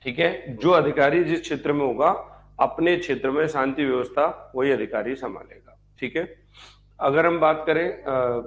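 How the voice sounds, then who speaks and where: At a normal pace, a fairly high-pitched man teaches history in a live online exam-prep session. He keeps it conversational, going back over key points and tossing out rhetorical questions.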